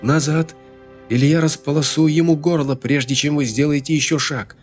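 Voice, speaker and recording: A man's voice: steady tone, normal speed, darkish tone, soft background music, lightly acted. A male narrator voicing a hysterical, vicious woman who screeches threats and hisses insults. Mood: screeching. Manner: shrill, hissing, screaming threats.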